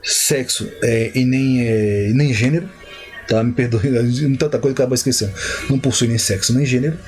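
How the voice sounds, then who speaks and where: A man's voice: medium pitch, fairly quick, faint music behind. Male Bible teacher, casual livestream tone, stops often to check in and correct himself. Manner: conversational, frequent "tá?" check-ins and self-corrections.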